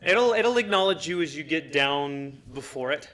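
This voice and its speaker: A man's voice: on the high side, expressive, normal speed, a bit bright. A man running a tabletop game as game master, describing scenes in a loose, casual way.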